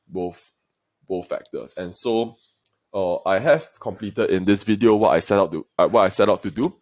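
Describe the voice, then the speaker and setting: A male secondary school history teacher, giving a recorded video lesson in a deliberate, emphatic lecturing manner and speaking directly to his students. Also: deep voice.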